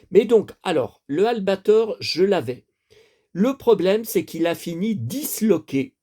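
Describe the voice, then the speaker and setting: A man's voice: on the high side, darkish tone. Rambling French-speaking man, toy collector. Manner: rambling, repeats himself, many fillers. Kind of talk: casual chat to camera.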